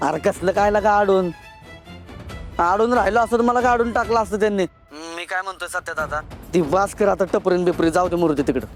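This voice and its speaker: An actor playing a poor, jittery tea-stall owner who pleads theatrically. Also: male voice, sits high, a little fast, faint music behind, close to an everyday voice. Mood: fretful.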